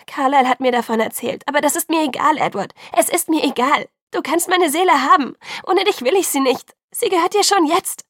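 A woman's voice: a little high, normal speed, vocal fry, husky, dry recording, studio quality. A woman reading an audiobook, voicing a desperate young woman who pleads in a raised, rising voice. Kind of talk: audiobook character voice.

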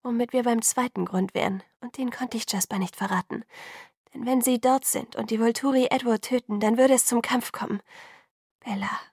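A woman's voice: fairly high pitch, fairly even intonation, moderate pace, darkish tone, slightly rough, dry recording, clean studio sound, voice pushed up. A woman voicing an anxious young woman who speaks urgently and often drops to a whisper. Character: anxious young woman pleading in hushed tones.

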